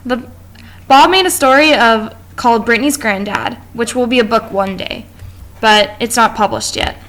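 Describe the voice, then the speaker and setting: A woman reads her class presentation aloud from notes in a fairly high voice. She trips on a word now and then and restarts it before carrying on. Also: pushed and bright. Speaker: student presenter.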